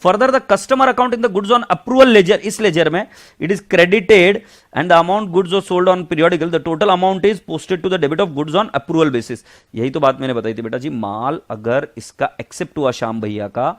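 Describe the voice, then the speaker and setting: This is a man with an Indian accent leading an online accounts lecture. His voice sits a little high. He drawls through the English textbook lines and rattles off his Hindi explanations, with playful jabs at his students. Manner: mixes Hindi and English, reads text slowly, explains fast, teasing asides to students. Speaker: accounts teacher.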